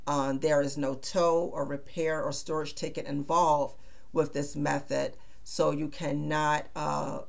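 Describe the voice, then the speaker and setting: A middle-aged woman at her office desk, explaining vehicle title procedures in a measured way, with frequent "uh" and "you know". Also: sits low, gravelly. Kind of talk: explainer video. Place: small office. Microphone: webcam at desk.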